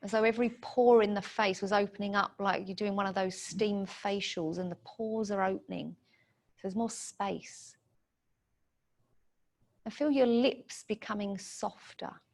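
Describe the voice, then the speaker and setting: A woman with a mid-pitched, gravelly voice leads a meditation. She offers gentle, soothing instructions in short, unhurried phrases, leaving space for the listener to follow along.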